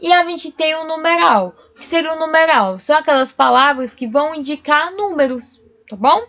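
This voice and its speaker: A woman's voice: high-pitched, expressive, normal speed, a bit bright. A woman teacher giving a recorded grammar lesson, explaining patiently step by step and often checking in with her pupils.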